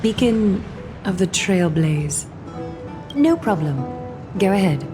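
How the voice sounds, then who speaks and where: Game music accompanies a woman's animated, medium-pitched voice as she plays a courteous, poised noblewoman leader in a video game. Her scripted dialogue is formal, measured and softly commanding, keeping the character gracious and composed.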